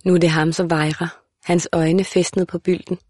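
A woman reads a literary audiobook in a calm, measured voice that sits a little low. The sound is dry and close, with no room around it. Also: no echo. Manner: calm, measured, even reading. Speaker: audiobook narrator. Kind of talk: scripted literary narration.

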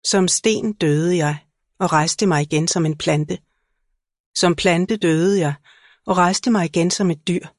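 A woman reading a novel aloud in a slow, measured narration. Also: on the low side, no echo, studio quality. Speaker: audiobook narrator. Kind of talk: scripted narration.

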